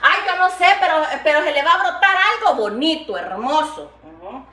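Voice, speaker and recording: An older woman vlogs from her home kitchen, chatting warmly to the camera while she cooks, cheerful and laughing a lot. Her voice is high and very animated, with a sharp tone at a normal pace, and she affectionately calls viewers "niña" and "hija linda." The room echoes and the mic sits some distance away.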